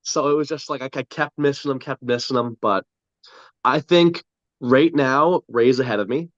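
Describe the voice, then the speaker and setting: A young man, a podcast guest, talking things through in a relaxed, casual chat. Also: medium pitch, moderate pace, no echo, dull audio. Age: young adult.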